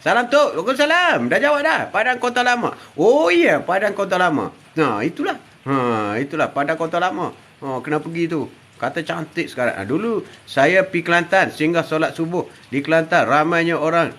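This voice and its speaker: A man's voice: a little high, very animated, normal speed, fairly bright tone. An older man with a Malaysian Malay accent, chatting casually on a live stream, greeting viewers by name and teasing them with laughs. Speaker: live-stream host reading viewer comments.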